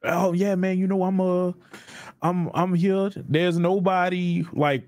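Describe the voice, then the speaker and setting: Podcast guest, man, lively and jokey, acts out quotes, higher voice, very dry sound. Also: slow pace, dry recording. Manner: animated, acts out quoted voices, laughs often. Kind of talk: casual podcast chat.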